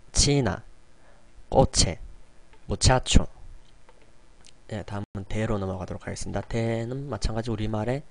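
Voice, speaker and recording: A man teaching in a recorded online lesson, explaining patiently step by step and slowly sounding out example words. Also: lowish voice. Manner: often starts sentences with a soft "yes". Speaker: Spanish teacher.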